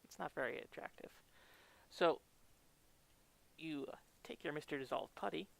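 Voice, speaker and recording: Man muffled behind a respirator, creaky voice. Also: on the high side, a little slow, fairly bright tone. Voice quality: muffled, speaking through a respirator mask. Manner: informal, hesitant, talking while working. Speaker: host of a hobby tutorial stream. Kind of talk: casual hands-on tutorial.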